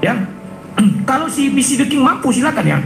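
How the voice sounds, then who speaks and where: A man ranting indignantly on a live stream, clearing his throat often. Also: very high-pitched, big pitch swings, normal speed, echoey room, soft background music, low-quality recording. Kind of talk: heated live-stream rant.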